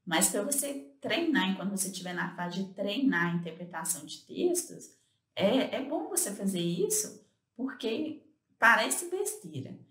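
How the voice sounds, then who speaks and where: Lively woman explaining study tips. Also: mid-range voice, normal speed, reverberant. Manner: explanatory, with frequent filler "é" and "né". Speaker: co-host giving study tips. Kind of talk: casual instructional talk.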